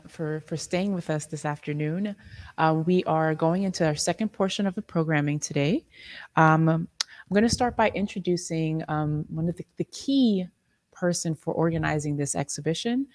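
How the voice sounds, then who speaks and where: Deep-voiced woman moderator, dry sound. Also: moderate pace, a little mellow, dry recording. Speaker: panel moderator. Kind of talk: reading speaker introductions. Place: art gallery room, indoors.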